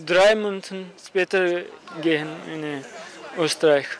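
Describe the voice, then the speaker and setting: A man with a Pakistani accent speaking slowly and hesitantly in a learned language, searching for words, recorded outdoors. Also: sits high, a faint crowd. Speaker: interviewee. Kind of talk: halting speech in a learned language.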